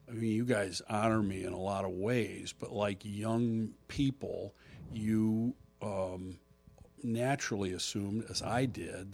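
Older man, husky, rambling with fillers. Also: on the low side. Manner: rambling, halting storyteller with many fillers. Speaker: podcast co-host, golf business founder. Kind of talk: casual chat.

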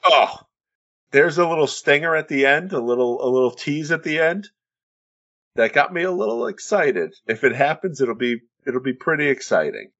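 A man's voice: a little high, lively intonation, moderate pace, fairly bright tone, highs cut off. A man talking casually about films as a podcast co-host.

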